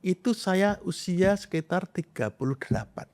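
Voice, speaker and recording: A man's voice: high voice, moderate pace. A middle-aged man, a coach who is a guest in an interview, telling personal stories expressively and listing points with emphasis. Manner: animated, expressive storyteller, emphatic lists. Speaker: guest, self transformation coach. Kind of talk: conversational interview, personal storytelling.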